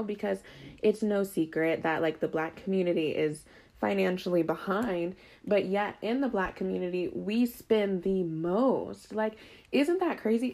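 A woman's voice: medium pitch, vocal fry. A woman talking straight to the camera in a casual, emphatic opinion monologue, full of fillers. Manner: animated, emphatic, lots of fillers. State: has the hiccups.

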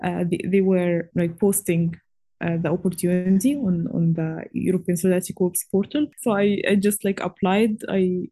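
A woman's voice: lowish voice, fairly even intonation, normal speed, mellow. A young woman from Egypt in her twenties, answering interview questions casually and hesitantly, with frequent fillers and restarts. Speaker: guest.

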